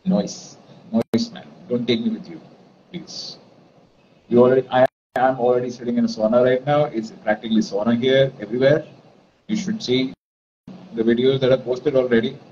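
A man's voice: mid-range voice, fairly even intonation, normal speed, mellow. Man, Indian accent, casual rambling live stream host, English-Hindi mix, muffled lo-fi phone audio, noisy. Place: indoors, plain-walled room. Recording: dull lo-fi stream with clear noise.

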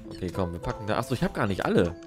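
A woman's voice: a bass voice, very animated, very fast. Woman, video game livestream, playful muttered commentary, reading aloud, varied intonation, music behind.

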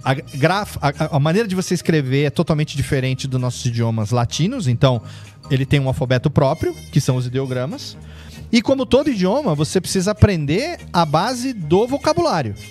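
A man's voice: a little high, sing-song, a little fast, darkish tone, faint music behind. A man on a casual podcast, eagerly explaining and sounding out foreign words. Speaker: podcast guest.

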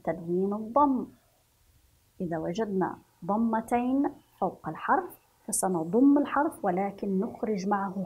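Woman from Yemen, breathy mid-pitched voice, teacher reading words slowly for children. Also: a little mellow, low-quality recording. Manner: slow, drawn-out syllable-by-syllable reading for young pupils. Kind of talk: children's reading and writing lesson.

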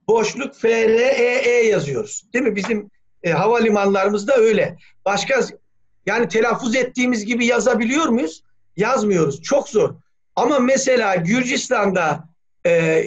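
A man speaking as a language scholar in an academic meeting, talking thoughtfully with many hesitations. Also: sits high. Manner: thoughtful, hesitant, frequent "e" fillers, spells words letter by letter. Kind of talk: academic discussion on a video call. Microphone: video call. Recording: dull lo-fi video call audio.

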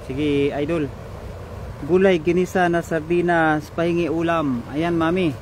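A man live-streaming a fishing trip from a riverbank on a phone, chatting and giving shoutouts to viewers. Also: on the high side, fairly even intonation, measured pace, slight background noise. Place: riverbank outdoors.

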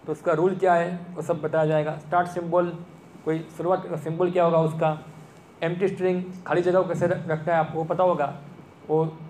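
A man's voice: on the high side, a little mellow, a little hiss or hum. A man giving a conversational lecture and asking the audience questions. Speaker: speaker giving a talk. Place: temple hall. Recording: echoey room with faint ambience.

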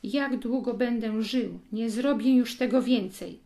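A woman's voice: fairly high pitch, measured pace, mellow. A woman voicing a timid, frightened boy who has been caught stealing.

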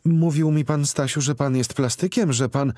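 A man voicing a pushy, bossy woman in her forties in an audiobook, speaking briskly. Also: on the high side, dark tone, no room sound, studio quality, voice pushed up, lightly acted. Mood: flustered.

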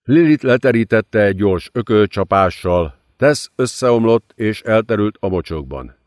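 A man's voice: lowish voice, animated, darkish tone, no room sound, clean studio sound. A man reading an audiobook with dramatic narration. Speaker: audiobook reader.

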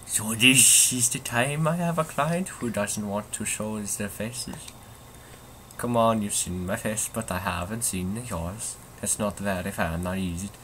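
Guy reading as a teasing mercenary heroine, flat, unhurried delivery, game music underneath. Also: on the low side, a little hiss or hum. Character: female mercenary heroine, cool and flirty.

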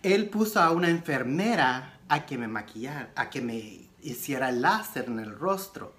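An animated man tells a personal story in a casual beauty vlog while he does his makeup. His pitch jumps around as he talks. He slips English phrases into his speech. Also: normal speed. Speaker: beauty vlogger.

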